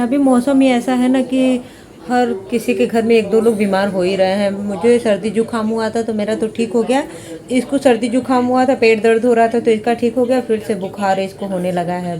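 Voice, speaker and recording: A woman in her thirties chatting casually in a home vlog, homely and rambling. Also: mid-range voice. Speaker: vlogger. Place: home kitchen.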